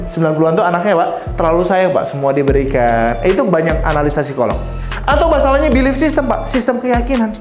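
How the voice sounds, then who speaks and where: A man with a higher-than-usual voice delivers a lively motivational talk, speaking straight to an audience of bosses. His voice carries through a roomy, echoing hall. Faint music sits underneath. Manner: lively, keeps addressing listeners as "Pak".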